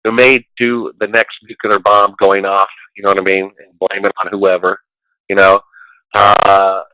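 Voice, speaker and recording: A man's voice: sits low, flat delivery, measured pace, sharp tone, smooth, dry recording, poor audio. A man in a casual conversation as a guest, talking in a preachy, rambling way and quoting scripture.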